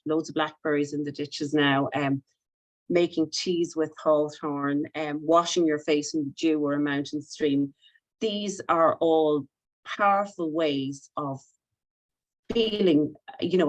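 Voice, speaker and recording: Irish woman psychologist, reflective online talk, gentle and hesitant, video-call mic. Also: low voice, poor audio. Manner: gentle, hesitant, many ums and self-corrections.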